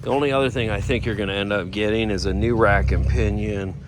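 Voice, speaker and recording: A man giving a casual walkaround of a vehicle he is giving away. He rambles, loses his train of thought and slips into a playful infomercial-style sales pitch. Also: fairly even intonation, fast talker, noisy background. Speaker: vlogger showing a vehicle giveaway.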